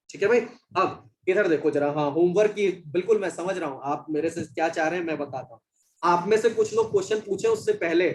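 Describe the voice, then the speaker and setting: A man's voice: a little high, a little hiss or hum, rough recording. A man teaching a live online maths class, calling his students "beta" and "bhai" and reading their chat messages aloud.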